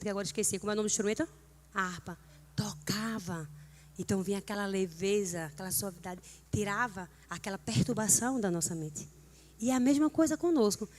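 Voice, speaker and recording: Middle-aged brazilian woman at a church prayer meeting, earnest testimony, gets fervent and loud in bits, mid-pitched voice. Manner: earnest, emotional, rising to fervent emphasis. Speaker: church speaker leading prayer.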